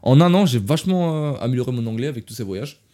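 A man's voice: medium pitch, animated, quick pace, warm tone. A young man from France telling travel stories in a casual, rambling podcast, often correcting himself and talking straight to his listeners. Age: young adult. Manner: rambling, restarts and self-corrections, addresses listeners as "les gars".

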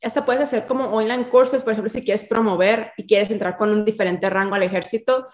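Here the same kind of guest talks fairly quickly: a woman from Mexico in her thirties, an army officer, with a Mexican accent and a steady, medium-pitched voice. In casual interview conversation she drops in English words between hesitant fillers, and the room sounds echoey.

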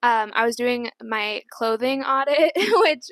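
This is a young woman in her twenties, chatting casually on a podcast. Her voice sits a bit high, and she talks in an upbeat, giggly way. The sound is close and dry, with no room echo. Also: lively intonation, takes it slowly. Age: 20s. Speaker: podcast co-host. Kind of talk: casual chat.

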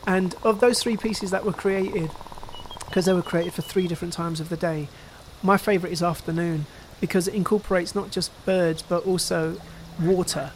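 A man who is a composer and sound artist, speaking in a relaxed, reflective interview with fillers like "you know". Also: high voice, moderate pace, slight background noise.

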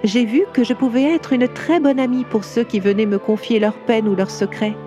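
Old stone cathedral talking soft and tender, a lady doing the voice, kinda high, music under it. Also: steady tone, normal speed, lo-fi sound, natural voice. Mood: wistful. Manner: tender, confiding storyteller. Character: ancient proud gentle female cathedral. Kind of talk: storybook audio drama narration.

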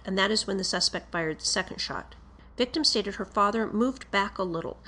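A woman with a medium-pitched voice reads a written police report aloud. Her delivery is formal and procedural. She keeps a measured, matter-of-fact manner throughout. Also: pushed and bright.

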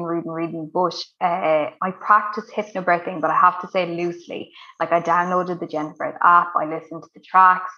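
A woman's voice: lowish voice, sharp tone, lo-fi sound. Chatty woman with west of Ireland accent. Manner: chatty, emphatic, repeats words for emphasis. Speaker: interview guest. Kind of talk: casual personal storytelling.

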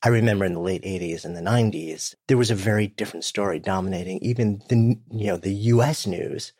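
A man's voice: fairly low pitch, fast talker, darkish tone, husky, no room sound. A man, hosting a casual interview and asking thoughtful, rambling questions. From New York, United States. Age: 50s. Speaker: podcast host.

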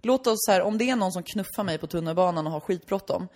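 A young woman in casual podcast chat, telling stories and acting out the people in them with sudden loud outbursts. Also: on the low side. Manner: animated storyteller, acts out quotes loudly.

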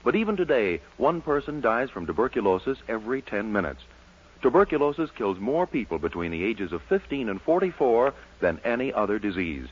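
An American man with a medium-pitched, sing-song, slightly rough voice talks a little fast as an announcer on a 1940s radio show, delivering polished, emphatic scripted sales pitches. The recording is a muffled 1940s radio broadcast.

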